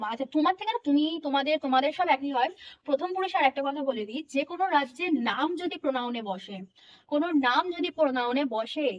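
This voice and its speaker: A woman's voice: high voice, lo-fi sound. A young woman patiently explaining English grammar in a lesson, often checking that her listeners follow. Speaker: English teacher.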